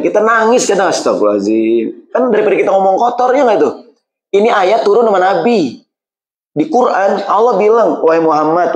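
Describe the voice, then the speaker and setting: Man, casual humorous sermon, acts out everyday quarrels, keeps asking the listeners if they agree, slows for Arabic verses. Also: fairly high pitch. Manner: slows for Quranic Arabic phrases. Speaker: preacher.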